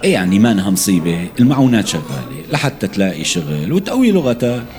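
A man's voice: on the low side, big pitch swings, fast talker, background noise. A man with a Levantine Arabic accent playing a loyal friend who consoles in a brotherly way.

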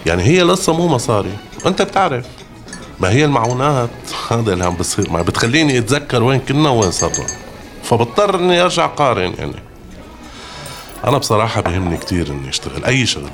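A man's voice: medium pitch, big pitch swings, very fast, faint music behind. A middle-aged man with a Levantine Arabic accent playing a weary displaced father and former lawyer, hesitant and apologetic.

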